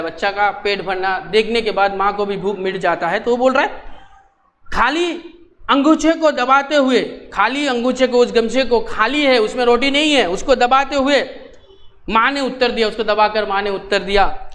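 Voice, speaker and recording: A man's voice: high voice, fairly bright tone, a little hiss or hum. A male teacher reading a textbook story and stopping to gloss each phrase, with frequent light laughs. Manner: repeats lines and glosses words, laughs often.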